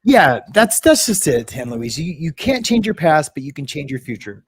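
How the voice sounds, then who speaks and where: A man's voice: on the high side, sing-song, moderate pace, slightly rough, no room sound. A man hosting a casual livestream, rambling and restarting, greeting viewers from the chat. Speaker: livestream host.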